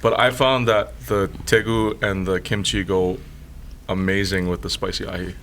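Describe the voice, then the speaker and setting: A man, a podcast guest calmly recommending dishes in a casual chat. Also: low-pitched, noisy background. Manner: relaxed, unhurried explaining.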